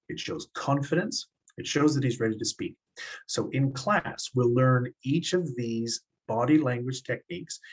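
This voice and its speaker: A man's voice: mid-range voice, slightly rough, rough recording. A man teaching public speaking, explaining step by step in an encouraging way. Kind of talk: classroom instruction.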